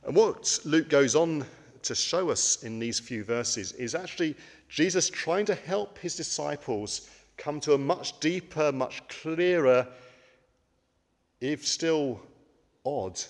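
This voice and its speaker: A man's voice: a little high, animated, slow pace, long reverb tail. A man giving a conversational sermon, with frequent ums and rhetorical questions. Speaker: preacher.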